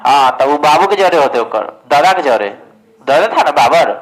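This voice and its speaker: A man's voice: on the high side, expressive, moderate pace, rough recording. A man giving a casual exam-prep history lesson, asking questions and answering them himself. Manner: asks questions and answers them himself, often says "ठीक है". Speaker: exam coaching teacher.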